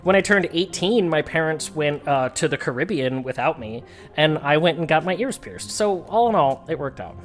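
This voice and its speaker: A woman streamer with a low voice and lively intonation chats at a moderate pace while playing a game. Her casual commentary is wry, self-deprecating and chatty, with faint game music behind her.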